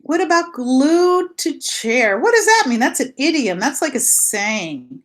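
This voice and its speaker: In a high, sing-song voice at a measured pace, a woman teaches young children through a read-aloud lesson. She uses simple, repeated explanations and answers the questions she poses.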